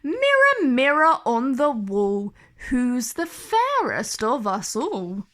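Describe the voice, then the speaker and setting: A wicked, vain fairy-tale queen, acted out by a woman storyteller. She is imperious and snarling, high in pitch and slow, savouring her cruelty. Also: huge pitch swings, fairly bright tone, heavily acted. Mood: vain, demanding. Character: vain, cruel evil queen, screeching and commanding.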